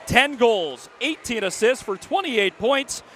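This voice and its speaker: A male sports announcer with a high, bright voice, calling hockey play-by-play and narrating a game recap. Faint noise sits under his voice, and his delivery lifts when the play gets exciting. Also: slow. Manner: energetic, rising for goals.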